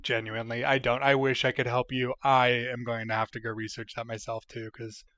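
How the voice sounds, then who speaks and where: A man's voice: mid-range voice, level tone, brisk, bright, forceful tone, dry recording, highs cut off. A tired, sleepy man hosting a casual livestream, from the United States, rambling as he reads chat aloud. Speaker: livestream host.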